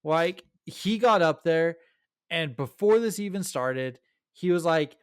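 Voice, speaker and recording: Enthusiastic podcast co-host, a man with a slightly high voice, dry close-miked sound. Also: slow pace, smooth, no room sound. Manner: enthusiastic, animated storytelling. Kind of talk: casual chat.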